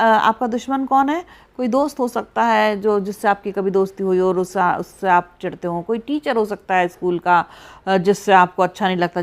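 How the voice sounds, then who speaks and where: A middle-aged woman psychologist speaking directly to the listener, coaching them step by step through their fear. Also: medium pitch. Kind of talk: advice talk to camera.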